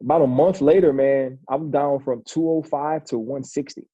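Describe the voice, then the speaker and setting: A man's voice: medium pitch, steady tone, moderate pace, dark tone, breathy edge, no echo, muffled recording. A man in his forties, a former football player, telling a long personal story in a casual interview, talking loosely with many restarts and calling the host "bro".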